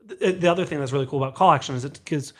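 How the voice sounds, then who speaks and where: Animated man hosting a podcast. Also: fairly high pitch, racing. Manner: animated storyteller who acts out quoted dialogue. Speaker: podcast host. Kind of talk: casual podcast interview.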